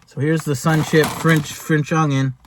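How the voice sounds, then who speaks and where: Rambling man with a higher-pitched voice, casual review. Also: flat delivery, a little slow, noisy background. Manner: rambling, laid-back, hesitant phrasing with lots of "like". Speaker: snack reviewer hosting a taste test. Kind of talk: casual chat, food review.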